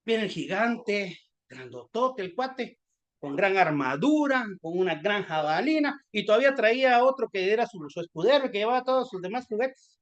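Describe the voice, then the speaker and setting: A man with a Guatemalan accent preaching a sermon, retelling stories in a lively, humorous way. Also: high-pitched, normal speed, lo-fi sound.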